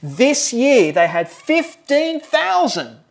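A man giving a preaching seminar talk, emphatic, slowing and rising on key words and then dropping low. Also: sing-song, vocal fry. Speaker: seminar speaker.

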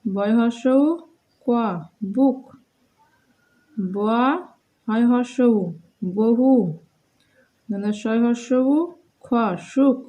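A woman with a Bengali accent leads a children's spelling lesson. She speaks very slowly in a sing-song way, sounding out each letter and word. Her voice sits fairly high and has a soft, mellow tone. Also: steady tone, rough recording. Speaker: teacher for young children.

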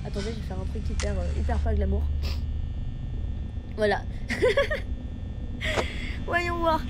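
A woman's voice: medium pitch, animated, normal speed, noisy background. A young woman who has a cold, chatting and joking her way through a horror game, teasing its characters as she plays. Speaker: gaming video host. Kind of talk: casual gameplay commentary. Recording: music playing in the background.

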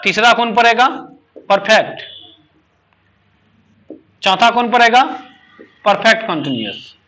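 A man's voice: high-pitched, expressive, measured pace, bright, forceful tone. A male teacher, leading a grammar lesson and firing questions at his students for call-and-response answers. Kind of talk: classroom English grammar lesson.

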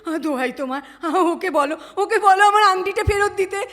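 A woman's voice: very high voice, brisk, fairly bright tone. A woman playing a frantic condemned woman. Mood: frantic pleading. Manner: pleading, repeating words in a rush. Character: desperate condemned young woman pleading. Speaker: actor in a live audio play. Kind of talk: live stage audio-play acting. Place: auditorium stage. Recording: live hall with long reverb.

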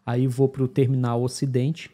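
A man's voice: mid-range voice, little pitch movement, normal speed, warm tone. A man with a Brazilian accent telling a story casually on a podcast, animatedly acting out the dialogue with the officials. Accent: Brazilian Portuguese. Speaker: guest telling his migration story.

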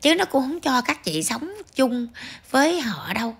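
Husky lady ranting at viewers, scolding, keeps asking right or not. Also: high voice, sing-song, a little slow, a bit bright. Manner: scolding, emphatic, rhetorical questions. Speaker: vlogger commentator.

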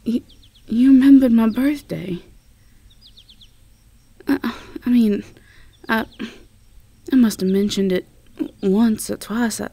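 Her voice is a little high, mellow and husky, exaggerated for the part and captured in a dry recording. She is playing a sweet, flustered Southern belle girlfriend in an intimate roleplay audio drama, stammering affectionately in a Southern US accent while sounding touched and surprised.

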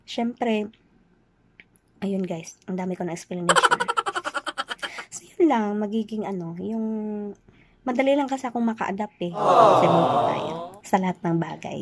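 Loud, chatty young woman from the Philippines. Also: mid-range voice, noisy background. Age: young adult. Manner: loud, chatty, teasing, jokes then says she's kidding. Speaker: vlogger, overseas dental nurse. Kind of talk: casual Q&A vlog chat.

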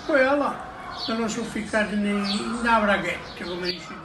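A man's voice: high-pitched, moderate pace. A man playing a flustered husband who stammers through excuses, in an amateur comedy sketch. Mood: making excuses. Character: Fello, a flustered husband hiding a phone affair. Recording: noisy home recording.

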